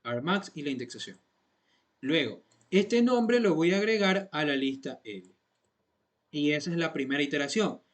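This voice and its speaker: A man's voice: a little high, animated, normal speed. A man walks students through code one step at a time. He repeats each point patiently and keeps checking that they follow. The tone is that of a classroom lesson. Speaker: programming instructor.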